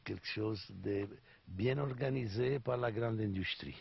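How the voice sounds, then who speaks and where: Gravelly older man with Italian accent. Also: fairly low pitch, a little slow. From Sicily. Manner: earnest, searching for French words. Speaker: olive oil producer. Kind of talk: interview conversation. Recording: dull lo-fi TV recording.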